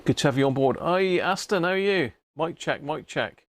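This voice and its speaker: This man's voice is on the high side, with lively intonation and a normal speaking speed. He hosts a laid-back hobby livestream, talking in a friendly, matey way and muttering to himself as he works at his electronics bench.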